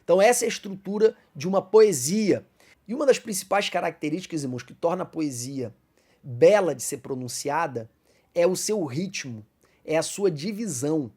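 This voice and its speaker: A man with a Brazilian Portuguese accent leads a church Bible class. He explains each point step by step, addresses his listeners as brothers, and slows down to recite lines of verse. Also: fairly high pitch, expressive, a little mellow, slightly rough. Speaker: Sunday school teacher.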